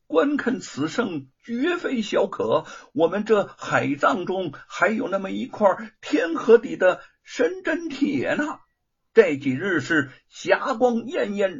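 A man's voice: high voice, gravelly, husky, pitched above the performer's own voice, exaggerated voice. A man voicing an eager dragon mother in a told story, urging in a raised voice. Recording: dull lo-fi recording.

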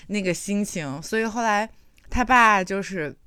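A woman's voice: medium pitch, measured pace, pushed and bright, clean tone, dry recording. A woman co-hosting a podcast, talking in a chatty, reflective way with many fillers. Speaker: podcast co-host. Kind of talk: casual chat.

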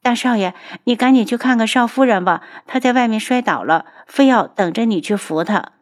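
A woman's voice: medium pitch, normal speed, darkish tone, pitched above the performer's own voice, close to an everyday voice. A woman voicing a timid, deferential young maidservant who pleads anxiously with her mistress. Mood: anxious, pleading.

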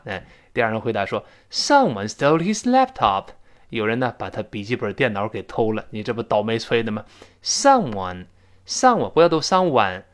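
A man teaching a spoken English lesson. His pitch swings freely and brightly as he talks. He explains pronunciation patiently and slows right down when he reads the example lines for repetition.

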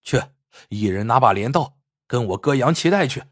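A man voicing a hot-tempered, anxious landowner who scolds in a rushed, agitated way in a storybook tale. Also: mid-range voice, expressive, no echo, clean studio sound, natural voice. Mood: angry.

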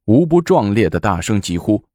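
A man tells a historical story in an animated, dramatic way. His voice sits low and sounds dry and close to the mic. He leans into the tense moments. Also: normal speed, no room sound.

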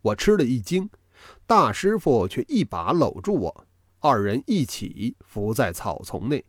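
A male storyteller reads a novel aloud with dramatic, expressive flair. His pitch swings widely as the tension builds and falls. The recording is dry and close, with no room echo. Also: a little slow. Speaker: audiobook narrator. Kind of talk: scripted storytelling narration.

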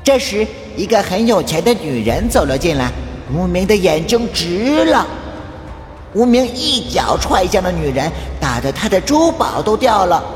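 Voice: medium pitch, very animated, moderate pace, natural voice. A performer reading a silly comic's captions. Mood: flat. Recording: echoey, roomy, with faint music.

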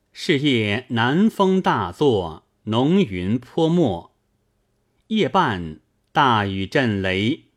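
Slow, expressive male storyteller. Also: mid-range voice. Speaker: audiobook narrator. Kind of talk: reading a classic novel aloud.

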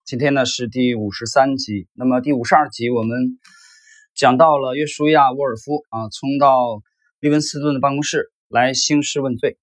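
A man reading his book notes aloud in a measured way, with occasional spoken asides. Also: mid-range voice, fairly even intonation, no echo.

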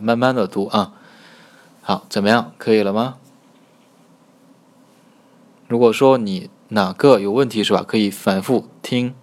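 A man teaching Korean pronunciation in a recorded lesson, patiently demonstrating sounds slowly and repeating them. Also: fairly low pitch.

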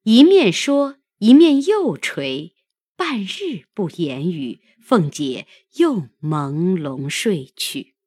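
Female narrator for classic novel: slow, husky, lively in pitch, dry close sound. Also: no room sound. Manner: measured storytelling. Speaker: audiobook narrator.

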